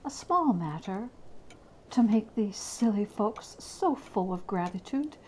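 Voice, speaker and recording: A woman voicing a solemn, challenging spirit with a measured, questioning manner in a storybook reading. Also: medium pitch, lively intonation, darkish tone, slight background noise. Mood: dry, challenging.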